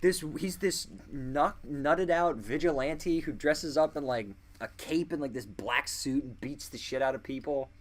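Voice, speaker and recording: A young adult man co-hosting a podcast, chatting casually with friends, excitable and profane, quick to laugh. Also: on the high side, a little hiss or hum. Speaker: podcast co-host. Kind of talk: casual chat among friends.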